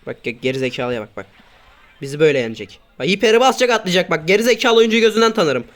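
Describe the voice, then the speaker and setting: A man doing casual gameplay commentary, grumbling and swearing at his teammates, then breaking into sudden loud outbursts. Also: sits high, lively intonation, rapid-fire. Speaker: gaming YouTuber.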